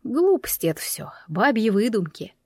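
A woman voicing a gentle young male warrior who speaks in a soft, low-key way, in an audiobook. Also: big pitch swings, normal speed, slightly rough, dry recording, clean studio sound. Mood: soothing. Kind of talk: audiobook character voice.

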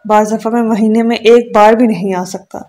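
A woman narrates a novel as an audiobook, telling the story in a calm, even way while faint music plays behind her. Her voice is on the high side.

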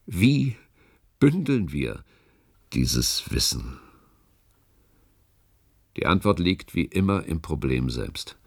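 A male actor gives a full character voice, very deep, gravelly and husky, as a calculating, grave older department chief in a German radio play. He speaks with deliberate, persuasive rhetoric.

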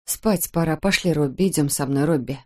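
Tired timid mother, low subdued mumble, as a woman reads her. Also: a little fast, dark tone. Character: timid worn-out mother, placating.

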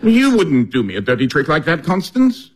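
An actor playing a sheepish, evasive upper-class husband in a drawing room comedy, with a British accent and a theatrical, hemming manner. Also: male voice, a little high, huge pitch swings, moderate pace, husky, heavily acted. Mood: pleading, exasperated.

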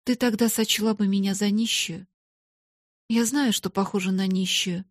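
A woman's voice: medium pitch, steady tone, normal speed, no room sound, clean studio sound, natural voice. A woman voicing a proud, restrained young girl in hard times, speaking earnestly in a storybook reading. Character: proud, sharp-eared poor young girl.

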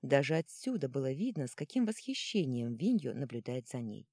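A woman narrating a fantasy novel in a lively, expressive reading. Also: extremely low pitch, fairly quick, no room sound, studio quality. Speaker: audiobook narrator.

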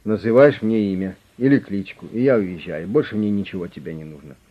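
A man voicing a calm but pushy male negotiator with an official manner who talks steadily and insistently. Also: low voice, a little fast, breathy edge. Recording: dull lo-fi recording.

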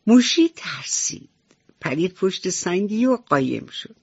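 A woman's voice: on the low side, very animated, darkish tone, husky, dry recording. A woman storyteller reading a radio bedtime story to children, sing-song and tender. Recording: slightly dull radio recording.

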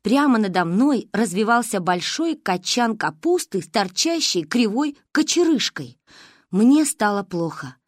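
Expressive woman reading an audiobook. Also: fairly high pitch, a little slow, no room sound, clean studio sound. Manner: expressive, lively storytelling. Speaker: narrator. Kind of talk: audiobook narration.

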